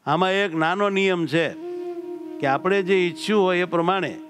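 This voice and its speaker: A man's voice: high voice, normal speed. A man with a Gujarati accent, a swami giving a scripture discourse to a temple assembly, preaching emphatically and repeating key phrases. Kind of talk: sermon.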